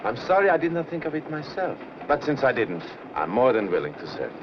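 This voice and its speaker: An actor playing a courteous, formal European man in a 1940s film, polite and smooth-mannered. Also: medium pitch, sing-song, a little fast, lightly acted. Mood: courteous, persuasive. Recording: muffled, noisy old film soundtrack.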